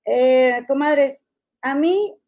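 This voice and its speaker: A woman's voice: high-pitched, drawn-out words, darkish tone, muffled recording. A middle-aged woman from Monterrey with a Monterrey Mexican accent, chatting casually as a gossip podcast host and calling her listeners comadres. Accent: Monterrey Mexican Spanish.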